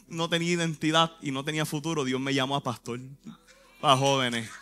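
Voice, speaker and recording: A man's voice: on the high side, pushed and bright. A man, a youth pastor giving an earnest, emotional church testimony in short phrases. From Puerto Rico.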